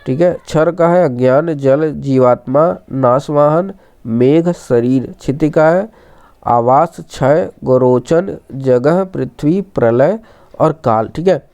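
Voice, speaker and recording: A man teaching an online Hindi exam-prep lesson, slightly hoarse from being unwell, reeling off lists of words and reassuring his students. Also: on the high side, slow pace, darkish tone. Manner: rattles off word lists, reassuring asides to students.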